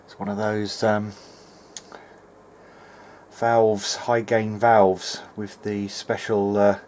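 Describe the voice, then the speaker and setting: A man who fixes electronics as a hobby hosts a hands-on demo at an indoor workbench, hesitantly thinking out loud. His voice is lowish and a little mellow, with little pitch movement, and he speaks very slowly. Clear background noise fills the workshop room.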